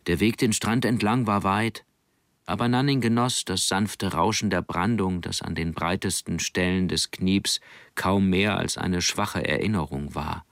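Man, audiobook narrator, low voice, gravelly, calm, dry studio. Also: measured pace, dry recording.

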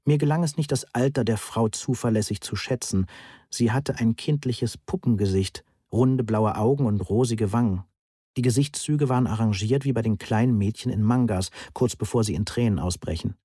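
A man reading a first-person novel aloud as audiobook narrator, measured, dry and understated. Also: medium pitch, mellow, husky, dry recording.

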